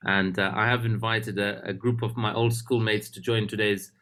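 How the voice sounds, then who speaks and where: A man with a fairly low voice hosts a casual online webinar over a video call. He talks in a halting way, with many fillers and restarts. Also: flat delivery, fairly bright tone. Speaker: webinar host.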